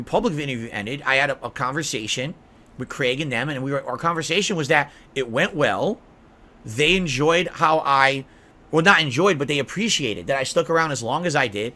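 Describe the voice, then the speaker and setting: A man is ranting off the cuff to his stream viewers. His voice sits somewhat high, with a very bright, tense tone. He sounds agitated and indignant, and his speech is peppered with swearing. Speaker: livestreamer. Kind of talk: unscripted rant to viewers.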